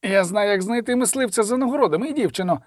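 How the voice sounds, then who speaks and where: A man voicing a panicked captive male sorcerer spy who pleads in shrill, rushed bursts. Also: big pitch swings, no echo, clean studio sound.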